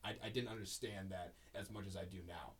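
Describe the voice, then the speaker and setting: A podcast host with a low, steady voice talks a little fast during casual chat. He tells stories emphatically but rambles, piling on ums, fillers, and restarts.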